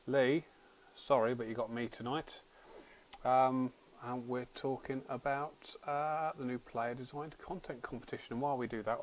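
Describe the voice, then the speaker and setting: A man's voice: mid-range voice, a little hiss or hum, low-quality recording. A man hosting a livestream, chatting casually while he plays a game, rambling and often restarting his sentences. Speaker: livestream host.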